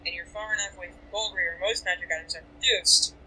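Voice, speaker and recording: A game master runs a tabletop session, describing scenes and rulings in a loose, chatty ramble full of fillers. The voice is very bright and sits at a middle pitch. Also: steady tone, fast talker, slight background noise, low-quality recording.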